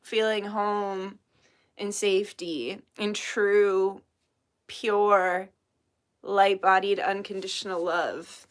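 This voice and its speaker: Running a tarot livestream, this young woman reads chat messages and talks casually with her viewers, cursing freely and laughing often. She takes it slowly, with a medium pitch and a steady tone.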